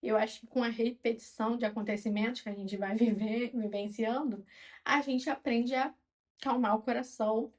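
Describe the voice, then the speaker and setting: A woman in her twenties with a Brazilian Portuguese accent, chatting calmly and openly to her viewers like a friend. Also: fairly high pitch, moderate pace. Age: 20s. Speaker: vlogger. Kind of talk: casual chat to camera.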